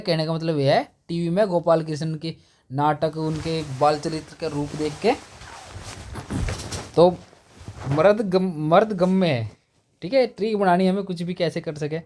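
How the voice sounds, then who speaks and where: A man's voice: a little high, darkish tone. Man teaching playful memory tricks. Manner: explains memory tricks with playful rhymes and acted quotes. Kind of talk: exam mnemonic lesson.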